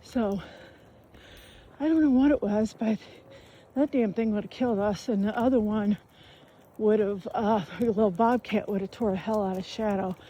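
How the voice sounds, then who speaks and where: A woman's voice: medium pitch, steady tone, normal speed, warm tone. A woman telling a camping story while walking outdoors, out of breath, rambling and colloquial with lots of fillers. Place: outdoors on a riverside trail.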